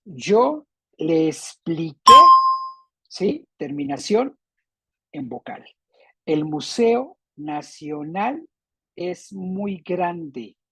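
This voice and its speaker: Slow, deliberate female teacher. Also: lowish voice, big pitch swings, pushed and bright, husky, dry recording. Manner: slow, deliberate, repeats words with different stress. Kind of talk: classroom lesson on spelling rules.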